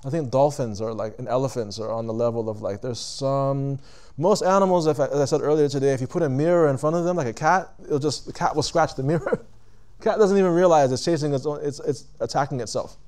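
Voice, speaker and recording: Addressing a live audience, a man with a mid-range, slightly mellow voice gives a reflective religious lecture. He talks conversationally and with deliberation, putting questions to listeners and pausing to rephrase.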